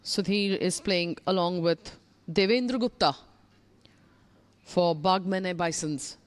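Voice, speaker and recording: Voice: mid-range voice, takes it slowly. A golf commentator giving live commentary on tournament play, describing players and putts.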